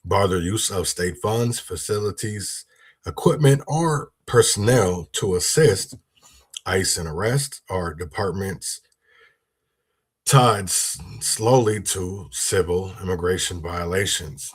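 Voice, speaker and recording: Minnesota guy with a low husky voice reading news and giving his take on his stream. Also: takes it slowly. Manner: reads news reports aloud and adds opinion. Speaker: livestream host. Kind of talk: political commentary livestream.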